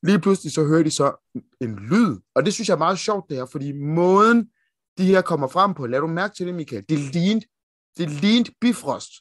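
A Danish man co-hosting a podcast in casual chat, excitable and swearing freely as he gushes about comic lore. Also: on the high side, dry recording, clean studio sound. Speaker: podcast co-host.

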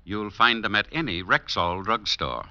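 An actor playing a reassuring family druggist in a chipper 1950s radio advertisement, with a polished sales delivery. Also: male voice, fairly low pitch, sing-song, normal speed, over loud music. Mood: upbeat, reassuring. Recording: muffled old radio recording.

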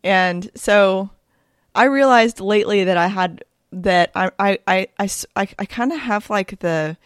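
A woman's voice: medium pitch, measured pace, no echo, studio quality. A young woman hosting a frank, casual group chat, giggling often and restarting her sentences. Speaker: host.

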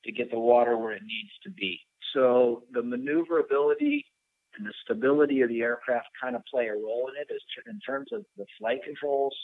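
A man in his fifties, a helicopter pilot with a fire department, answering interview questions thoughtfully and pausing to search for words. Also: medium pitch, creaky, no echo. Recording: tinny phone line.

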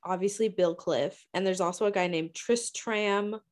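A woman co-hosting a casual book discussion, blunt and swearing freely with quick asides. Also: mid-range voice, steady tone. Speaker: book podcast co-host.

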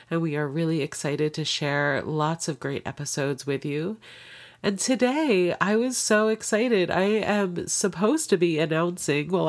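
A woman hosting a podcast while sick with a cold, her voice nasal and congested, talking in a chatty, upbeat way. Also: sits low. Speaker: podcast host. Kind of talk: casual podcast intro.

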